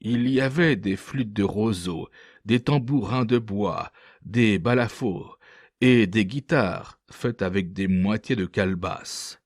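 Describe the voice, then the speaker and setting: A boastful ship's interpreter spins a scornful, mocking yarn, as a man puts him on. The voice sits low and unhurried. The sound is dry and close, as in a storybook reading. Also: dry recording. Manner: lively mocking anecdote-telling.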